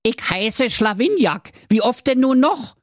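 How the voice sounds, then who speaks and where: Man doing a snippy berlin valet, high and bouncy, dry close mic. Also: expressive, measured pace, dry recording. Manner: snippy and exasperated, pitched high. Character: cheeky, put-upon male royal valet. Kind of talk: comic fairy-tale reading.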